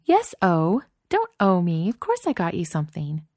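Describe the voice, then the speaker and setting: A woman voicing a bubbly, excitable young woman in a romance audiobook, gushing and eager. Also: lowish voice, no room sound, clean studio sound, pitched above the performer's own voice. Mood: excited. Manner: eager, gushing, rushing her words. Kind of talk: audiobook character voice.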